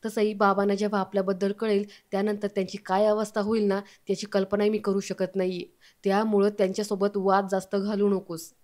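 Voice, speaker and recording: Stern young man, lecturing, firm, mellow flat tone, read by a woman narrator. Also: medium pitch, a little fast, natural voice.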